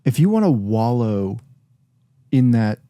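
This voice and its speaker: A man's voice: mid-range voice, sing-song, measured pace, dark tone, no room sound. A man co-hosting a casual podcast with his wife, blunt, plainspoken and self-deprecating. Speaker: podcast co-host.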